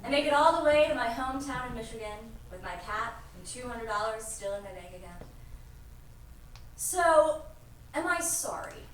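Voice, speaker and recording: A woman performing a live comic story, with a deadpan, confessional way of talking. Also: fairly high pitch, normal speed, a little hiss or hum. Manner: deadpan confessional, acts out dialogue. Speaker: stage storyteller. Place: performance stage. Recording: echoey room, far from mic.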